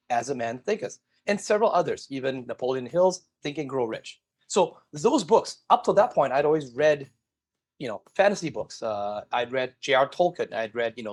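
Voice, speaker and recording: In an energetic interview, a middle-aged man from Singapore recounts his life as a guest, addressing viewers directly in a medium-pitched voice.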